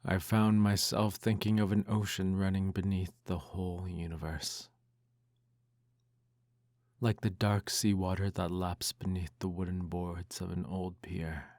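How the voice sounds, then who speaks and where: A man in an ASMR role-play reads a bedtime story aloud in a soft, intimate, hushed voice that slips into speaks softly. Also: deep voice, flat delivery, measured pace, dry recording, clean studio sound.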